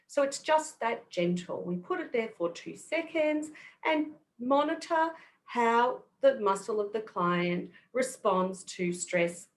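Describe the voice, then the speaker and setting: A woman's voice: fairly high pitch, animated, slow pace. A middle-aged woman with an Australian accent, a guest on a podcast, explaining things patiently. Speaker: guest kinesiologist. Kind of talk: podcast interview.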